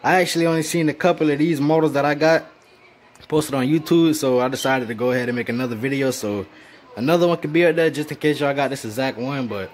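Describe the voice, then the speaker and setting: Laid-back slangy man vlogging. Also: a little high. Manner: slangy, laid-back, addresses viewers directly. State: talking with a mouth guard in. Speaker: gun review vlogger. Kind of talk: casual gun review.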